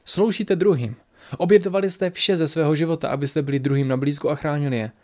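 A man voicing a wise male sage who counsels calmly and instructively in a storybook. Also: a little high, natural voice. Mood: counselling. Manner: calm, instructive.

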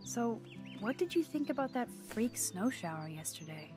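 A woman's voice: on the high side, very animated, moderate pace, music in the background. An actress playing an earnest, quirky teenage girl, a student photographer in a video game. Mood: friendly, thoughtful.

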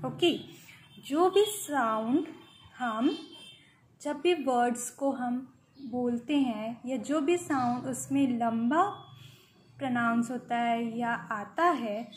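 A woman's voice: a little high, takes it slowly, a little hiss or hum. A woman teacher with an Indian English accent, giving a grammar lesson to young children and spelling words out letter by letter while switching between English and Hindi.

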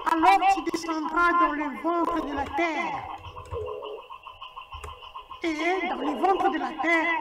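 Man doing a shrill cackling old witch. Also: distant mic. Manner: shrill, cackling, slow and instructive. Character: very old cackling female witch, shut in her hut. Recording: loud hiss, radio broadcast.

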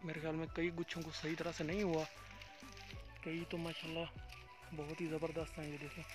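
A man's voice: on the high side, completely flat delivery, brisk, over music. Chatty man touring a date farm. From Pakistan. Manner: chatty, keeps pointing things out to viewers. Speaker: vlogger. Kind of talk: casual walking tour vlog. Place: outdoors in a date palm farm.

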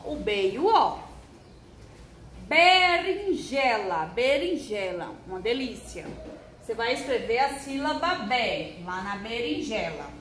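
Brazilian teacher lady, slow sing-song voice drilling syllables for little kids, echoey room, bit of hiss. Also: sits high, fairly bright tone. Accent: Brazilian Portuguese. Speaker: primary school teacher. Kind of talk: recorded first-grade handwriting lesson.

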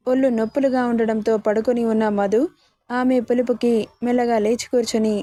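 A woman's voice: on the high side, little pitch movement, fairly quick, dark tone, no echo. A woman narrating a dramatic story and reading all the characters' lines in her own voice.

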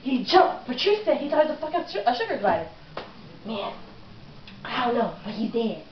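A woman tells a wild story to her family, swearing freely and laughing as she goes. Her voice is fairly high and swings widely. She is heard from across an echoey room, and the home-video sound is dull and lo-fi. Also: brisk, recorded from a distance, slight background noise. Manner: animated, profane, breaks into laughter. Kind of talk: casual comic storytelling.

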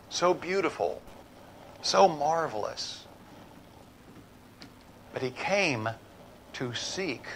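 Middle-aged man pastor, unhurried sermon delivery, mid-range voice, faint room noise behind. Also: mid-range voice, vocal fry, low-quality recording. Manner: preaching with rising emphasis, then a hushed altar call. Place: church sanctuary.

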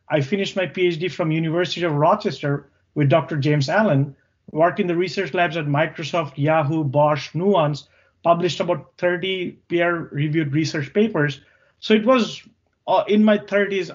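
A Bangladeshi tech co-founder of about forty, a native Bangla speaker with a Bangladeshi accent, answers a podcast interview's questions about his career. His voice is a little high and moves at normal speed, though the recording is muffled.

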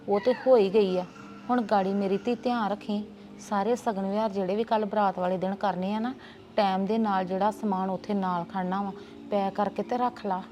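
A woman's voice: medium pitch, mellow, slight background noise. A woman playing an aunt in a family drama, soothing at first and turning indignant. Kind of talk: Punjabi family drama dialogue.

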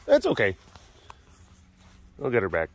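Filming the enclosures outdoors on a handheld camera mic from off camera, this aging sanctuary keeper and vlogger chats in a rambling way and coos baby talk to the big cats. His fairly low, partly lost, slightly hoarse voice swoops wildly in pitch at a measured pace, and the recording is dry.

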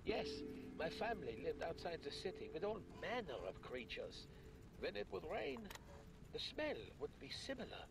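An actor playing a frightened blind older male tenant in a game, stammering and nervous, with a gravelly voice. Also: a little high, very animated, moderate pace, background noise. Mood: uneasy.

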